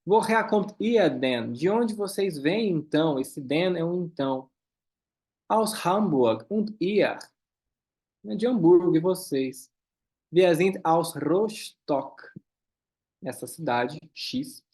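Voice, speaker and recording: A man leads a German lesson. His voice sits a little high. He says the German lines slowly, then explains them quickly. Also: expressive, a little mellow. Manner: switches between slow careful German and quick explanations. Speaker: German teacher. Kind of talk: online class, reading dialogue and translating.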